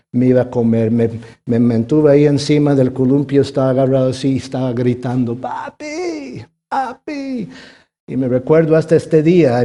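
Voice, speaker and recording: A middle-aged male pastor preaching a sermon, rising to loud emphatic peaks and dropping to hushed tones, often tossing in a questioning "ah?" to the congregation. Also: mid-range voice. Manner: swings between loud emphatic rises and hushed quiet passages; punctuates points with questioning "ah?" tags.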